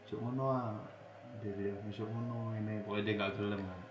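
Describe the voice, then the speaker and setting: Young man, low voice, casual guest chat with frequent swearing and laughter, echoey room. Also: level tone, moderate pace, noisy background. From Lampung, Indonesia. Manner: swears often, laughs through his story. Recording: roomy echo.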